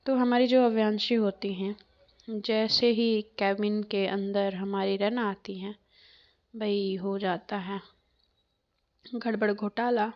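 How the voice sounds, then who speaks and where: A woman's voice: mid-range voice, flat delivery, slow pace, long pauses, muffled recording. A woman narrating a love story casually, hesitant with frequent fillers and self-corrections.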